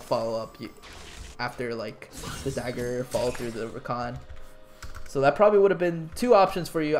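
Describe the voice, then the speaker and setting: A man's voice: mid-range voice, a little hiss or hum. A man casually coaching a player through a game replay, talking in loose, restarting sentences. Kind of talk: casual gameplay analysis commentary.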